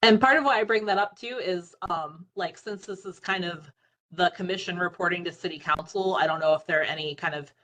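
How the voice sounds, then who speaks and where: Low voiced woman but kinda bright, on a zoom call, lots of um and like. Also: fairly quick. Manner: hedging, filler-laden. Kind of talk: virtual meeting discussion. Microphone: video call.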